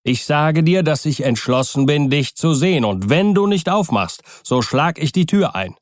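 A man voicing a stern, determined middle-aged lawyer who gives firm orders, in a gravelly voice. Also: medium pitch, normal speed, a little mellow, no room sound, studio quality, natural voice. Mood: forceful. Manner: firm, commanding.

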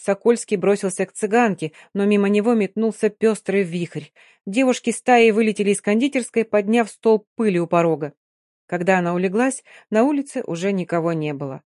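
A woman's voice: medium pitch, darkish tone, no echo, studio quality. A woman narrating an audiobook expressively, giving each character a voice.

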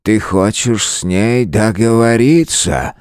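An ancient turtle elder, grim and stubborn, rises to a high, strained pitch well above the reader's own low voice, as a male narrator puts him on. He stretches his words out and leans hard into them. The recording is close and dry. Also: no echo. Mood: irritated. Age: older. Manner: impassioned, loud, drawn-out.

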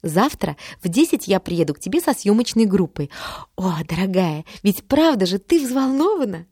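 A woman's voice: mid-range voice, big pitch swings, normal speed, dark tone, slightly rough, dry recording, studio quality. A woman reading an audiobook, voicing a pushy, theatrical older mother with a gushing, wheedling manner.

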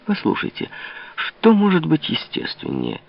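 A man reading an audiobook, voicing a cold, mocking king in a low, measured tone. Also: wildly swooping pitch, heavily acted. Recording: dull lo-fi recording.

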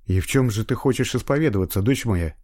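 A man playing an ironic, impatient middle-aged investigator in an audiobook, gruff and scolding. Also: on the low side, expressive, fast, a little mellow, dry recording, studio quality. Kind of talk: audiobook reading.

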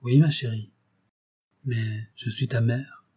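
A tender young mother speaks with heartfelt earnestness, as a male narrator puts her on. The voice is dark and husky, read from a storybook. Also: mid-range voice, steady tone, slow pace.

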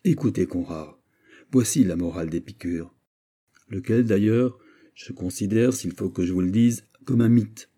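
A man voicing a witty, playful poet who argues with quick teasing replies in an audiobook. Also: lowish voice, warm tone, husky. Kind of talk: audiobook character voice.

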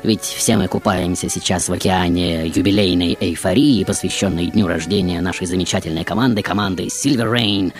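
A man hosting a radio show with a florid, theatrical monologue that swings between loud and hushed. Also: deep voice, steady tone, brisk, hardly any pauses, faint music behind.

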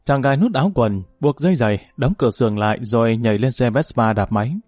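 A man narrating an audiobook story in a steady storytelling manner. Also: mid-range voice, fast, dry recording, clean studio sound, soft background music.

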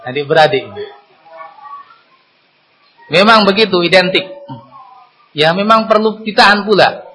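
A male preacher delivers a Friday sermon in a mosque. His voice is bright and slightly high, and his talk is lively and conversational. He often leaps up in pitch for emphasis and poses rhetorical questions. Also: poor audio.

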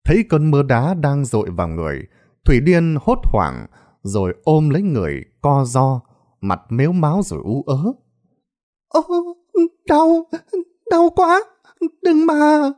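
A man narrates a ghost story in a practiced storytelling voice. His pitch rises and falls widely as he builds the scene. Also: normal speed. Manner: expressive storytelling with lively pitch. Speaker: horror storyteller.

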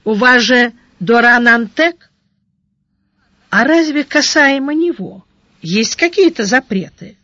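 A narrator voicing a calm, ironic warrior lord in an audiobook, unhurried and lawyerly. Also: medium pitch, no room sound. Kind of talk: audiobook character voice. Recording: dull lo-fi dry recording.

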